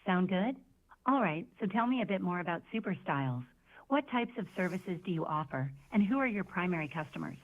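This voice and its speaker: A synthetic female voice, lowish and sing-song, speaks a little fast as a receptionist, using friendly, scripted assistant phrases. It comes over a tinny phone line played through a speaker.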